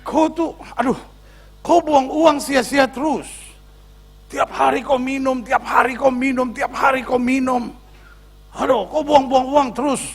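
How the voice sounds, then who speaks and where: A man putting on a nagging, shrill wife. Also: steady tone, unhurried, breathy edge, exaggerated voice. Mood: scolding. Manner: scolding, repetitive, shrill. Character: nagging middle-aged wife scolding her husband.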